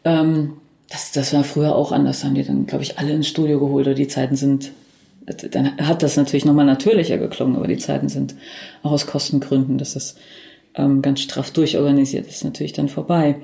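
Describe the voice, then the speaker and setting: A woman's voice: very deep voice, flat delivery, brisk, gravelly, warm tone, echoey room. A woman in her forties, a crime novelist and dubbing director, talking casually in a podcast interview with many fillers and restarts.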